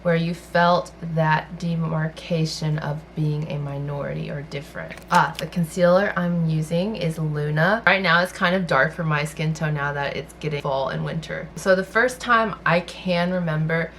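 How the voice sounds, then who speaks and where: Young woman vlogger, low voice, soft-spoken storytelling, faint room hiss. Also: steady tone, moderate pace, hardly any pauses. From born in China, raised in the American South. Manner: soft-spoken, personal storytelling while doing makeup. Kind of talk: casual get-ready-with-me chat.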